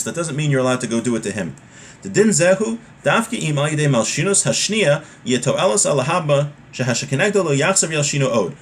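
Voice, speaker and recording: Teaching a religious law class, a man of medium pitch alternates between reading a text and explaining it conversationally, going back over points to make them clear. Background noise is clearly audible in the recording.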